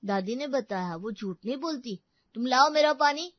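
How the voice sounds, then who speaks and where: A woman's voice: fairly high pitch, unhurried, no echo, close to an everyday voice. A woman voicing a spoiled, demanding young boy in a cartoon who bosses his mother around. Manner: demanding, bratty. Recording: dull dry recording.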